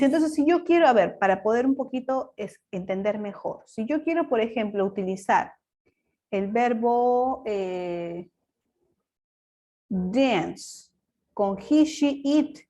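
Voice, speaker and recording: A woman's voice: a little high, lively intonation, takes it slowly, warm tone. A woman voicing a young student who thinks aloud and asks her teacher questions. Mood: puzzled.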